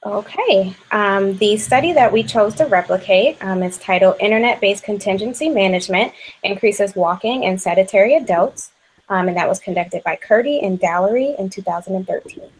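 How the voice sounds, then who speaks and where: A woman in her twenties from Ohio gives a graduate class presentation. Her pitch sits in an ordinary middle range. She reads from a prepared report at an even, steady pace. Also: moderate pace, slight background noise, poor audio. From Ohio, USA. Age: 20s.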